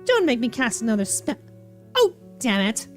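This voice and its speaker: A woman streamer reacts to visual novels with playful, theatrical gaming commentary, reading dialogue aloud in a teasing, sassy manner. Her voice is on the high side with big swings in pitch, and she talks at a moderate pace. Soft music plays in the background.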